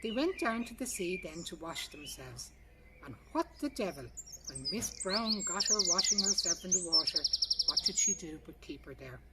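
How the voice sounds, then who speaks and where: An Irish woman storyteller narrates a traditional oral folk tale in a fairly low voice with big pitch swings at a moderate pace. She's recorded from a distance, with noisy birdsong and ambient noise behind her.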